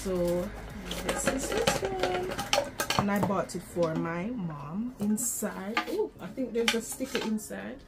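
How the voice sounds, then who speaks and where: Indoors in her bedroom, a young vlogger rambles openly through a haul video, drifting into asides as she unboxes. She speaks slowly in a sing-song, mid-range voice, and the recording is very noisy.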